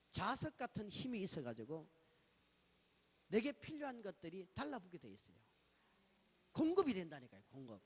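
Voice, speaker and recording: A man preaching a testimony sermon at a church meeting, asking questions and answering them himself, swinging from loud exclamations to hushed asides. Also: high voice, breathy edge. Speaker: guest pastor giving a testimony.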